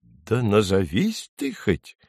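A man's voice: fairly low pitch, huge pitch swings, takes it slowly, creaky, a little mellow, breathy edge, no room sound, studio quality, exaggerated voice. A man voicing a fussy male woodpecker who builds houses, exclaiming indignantly in a storybook reading.

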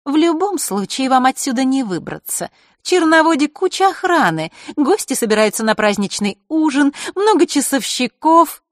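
A woman's voice: high voice, expressive, normal speed, no echo, studio quality, pitched above the performer's own voice. A woman voicing a scheming teenage girl who taunts her rival in a sneering way. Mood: mocking.

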